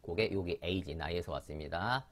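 Casting: man, lower voice, easygoing vocabulary teacher with fillers and self-corrections. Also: a little fast. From Korea. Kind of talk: explanatory vocabulary lesson.

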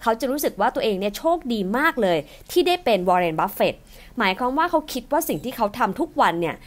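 A woman's voice: a little high, very animated, a little fast. A young adult woman hosting a personal-finance podcast, explaining ideas politely and mixing in English terms. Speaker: podcast host. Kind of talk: informative podcast talk.

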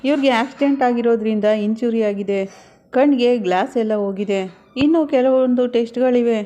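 A woman voicing a calm doctor who explains a patient's eye injury to the family. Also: a little high, moderate pace, dull audio, natural voice.

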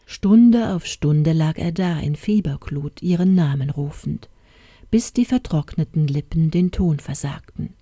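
A woman narrating an audiobook story in a calm, measured reading. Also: sits low, no echo, studio quality.

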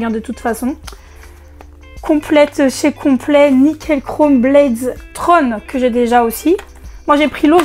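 A woman unboxing video games in a casual vlog, excitable and chatty, with a strained voice she tries not to push. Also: high-pitched. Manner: excitable, chatty, many fillers. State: strained voice, holding back from shouting. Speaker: vlogger.

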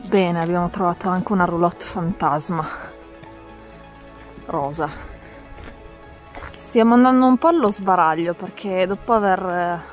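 A woman's voice: on the low side, a little slow, long pauses, faint music behind. A woman, chatting casually as a hiking vlogger outdoors. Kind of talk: casual vlog chat. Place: outdoors on mountain roads and trails. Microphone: action camera at arm's length.

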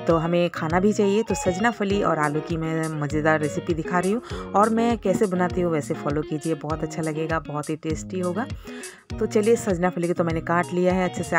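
A woman narrating a casual cooking tutorial for her channel, explaining each step in a chatty way with small fillers. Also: on the low side. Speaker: cooking vlogger.

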